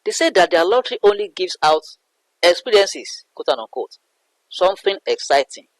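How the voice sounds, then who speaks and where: In poor, echo-free audio, a slightly high-voiced man from Nigeria teaches a poetry analysis lesson. He lays out the poem's meaning didactically, going over points again in new words.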